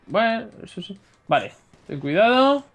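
A young man coaches a friend through an online game. His voice sits fairly high for a man. He is mostly relaxed and laughs, with a sudden yelp when his character gets hit. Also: moderate pace. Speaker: co-op gaming partner. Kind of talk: casual gameplay chat.

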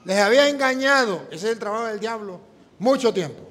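A priest preaches with a fairly high, animated voice, acting out the dialogue of his story as he goes. His words ring out with a long reverb, as in a big church hall. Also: fairly quick. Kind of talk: sermon with storytelling.

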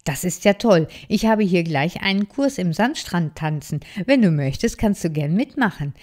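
A woman's voice: lowish voice, expressive, normal speed, darkish tone. Woman voicing a friendly beach turtle. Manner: friendly, encouraging. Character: friendly cheerful female turtle, dance teacher.

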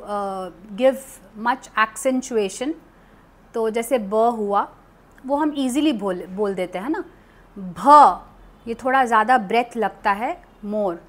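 A woman leads a chanting lesson with a very slow, deliberate delivery. She reads each verse syllable by syllable, and her voice rises and falls in wide melodic sweeps. She switches easily between two languages as she explains. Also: a little high, a bit bright. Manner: mixes English phrases into her teaching. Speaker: chanting teacher. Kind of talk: recitation lesson.

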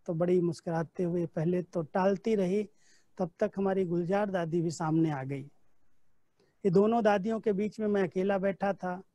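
Mellow-voiced man telling devotional stories. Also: high voice, no room sound. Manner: storytelling, recounting dialogue from memory. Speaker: spiritual teacher giving a class. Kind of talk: devotional class with personal anecdotes.

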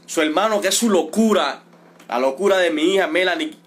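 A man's voice: high-pitched, fairly bright tone. A middle-aged Cuban man, a father of a detained protester, making an emotional, indignant and repetitive appeal in a livestream. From Cuba. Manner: pleading, indignant, repetitive, drawn-out emphasis.

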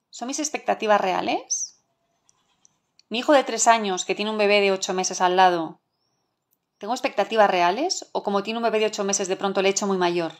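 A middle-aged woman with a Spain Spanish accent leads an online parenting masterclass, her voice pitched in the middle of the usual range for a woman. She speaks earnestly and with emphasis, and keeps asking the audience rhetorical questions. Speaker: parenting educator.

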